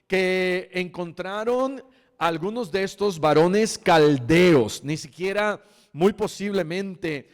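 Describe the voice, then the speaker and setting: A man's voice: sits high, long reverb tail. A male pastor preaching a sermon to his congregation, reading scripture aloud and then explaining it with jokes. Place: church sanctuary.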